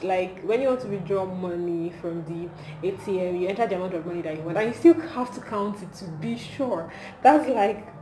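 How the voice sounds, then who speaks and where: A woman with a Nigerian accent, chatting casually in an amused, emphatic way as she films a comedic vlog on her phone. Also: mid-range voice. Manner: amused, animated, emphatic with rhetorical questions. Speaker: video creator. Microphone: phone camera. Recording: echoey room, clear background noise, phone recording.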